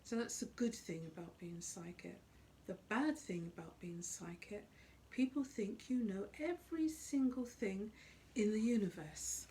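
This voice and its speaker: Mellow-voiced woman, earnest and emphatic. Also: medium pitch, measured pace, a little hiss or hum. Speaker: psychic. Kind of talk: unscripted spoken monologue on spiritual life.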